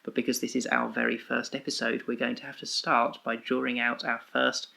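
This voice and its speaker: A man's voice: medium pitch, flat delivery, brisk, vocal fry, bright, forceful tone. A man co-hosting a casual podcast, reading station facts in an announcer voice. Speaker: podcast co-host.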